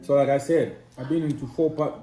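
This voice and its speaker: A man from Congo chatting casually over a meal, quick to tease and disbelieve. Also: mid-range voice. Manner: animated, incredulous teasing. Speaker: mukbang co-host. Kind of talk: casual chat while eating. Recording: roomy echo with music behind.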